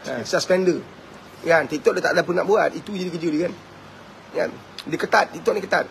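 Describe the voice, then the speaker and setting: A man with a Malaysian Malay accent giving a live-streamed religious talk, animated and chuckling, always asking his listeners whether they agree. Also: on the high side, a little fast, gravelly, slight background noise. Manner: animated, keeps asking the audience "right?"; chuckles often. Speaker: preacher.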